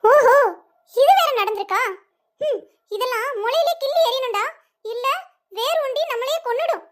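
A woman voices a sharp-tongued cartoon mother who scolds her son with exasperation. The voice sits very high and shrill throughout. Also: normal speed. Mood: scolding. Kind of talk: animated web series voice acting.

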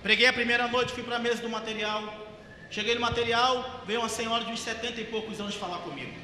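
A man, a pastor telling stories in a sermon and building to fervent shouted preaching. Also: extremely high pitch, steady tone, fast talker, a little hiss or hum. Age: 30s. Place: church hall. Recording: echoey church hall with music. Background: music playing.

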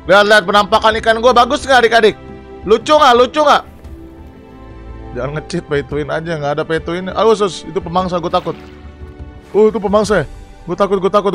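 A young man, streaming live gameplay commentary, excitable and always talking to his viewers. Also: high-pitched. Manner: excitable, talks to viewers constantly, swings between fright and irritation. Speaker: game streamer.

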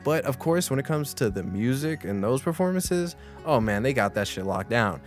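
A young man hosting a casual video review, excitable and swearing freely as he gives his opinions. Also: medium pitch, moderate pace, faint music behind. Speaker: YouTube reviewer.

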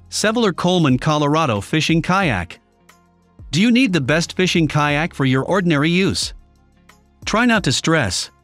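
A man giving scripted voice-over narration for a product review, in an even, read-aloud listing delivery. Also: a little high, dry recording. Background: faint background music.

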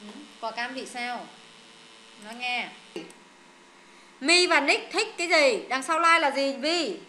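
A woman tutoring students in English, drilling them through exam answers in a brisk, directive way and correcting their mistakes firmly. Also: high voice, animated, pushed and bright.

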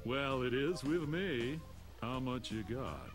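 A man's voice: medium pitch, big pitch swings, slow, music in the background. An actor playing a pushy, cheerful video game ship dealer with showy, slick used car salesman patter. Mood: smooth haggling.

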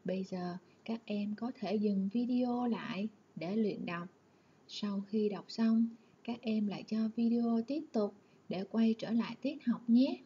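Mellow-voiced woman teaching children. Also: medium pitch, a little slow, highs cut off, a little hiss or hum. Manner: warm, clear and instructive, addressing children. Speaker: primary school teacher. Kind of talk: online lesson narration.

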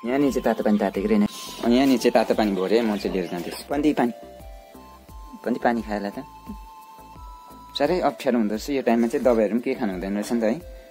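Holding his phone as he films, a young man narrates a casual vlog around his rural hillside house and village, both inside and outside, chatting with relatives along the way. His lowish, mellow voice moves at a quick pace with long pauses, and faint music plays behind. He switches between talking to family and speaking to the camera.

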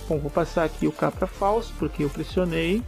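A man walks through code in a casual screencast tutorial. His voice sits a little high and carries a gravelly edge. Faint music plays underneath as he explains each step. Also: a little fast. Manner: relaxed, explains step by step with frequent "né?" checks. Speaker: programming tutor.

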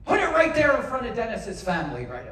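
A man's voice: very high voice, huge pitch swings, fast talker, fairly bright tone. A man performing live comedy patter as a stage juggler, joking with and coaching audience volunteers in a large theater. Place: large theater on a cruise ship. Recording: echoey theater from far off, audience.

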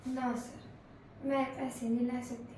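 An earnest young maid's daughter, played by a woman in a homemade drama. Her high voice comes from a distance. She is in an echoey room with faint noise behind her. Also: level tone, a little slow, warm tone. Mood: proud. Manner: earnest, pleading, proud.

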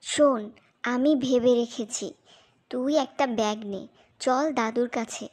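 A woman's voice: on the high side, steady tone, slow, a little mellow. A woman voicing a bold, protective young girl, a clever elder sister, in a fairy-tale audio drama with a spirited childlike delivery. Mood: urgent, plotting.

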